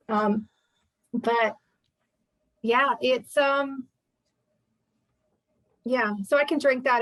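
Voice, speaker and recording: A woman's voice: on the high side, no echo, rough recording. A woman in her fifties, a guest chatting casually in an interview, talking with many fillers and restarts. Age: 50s.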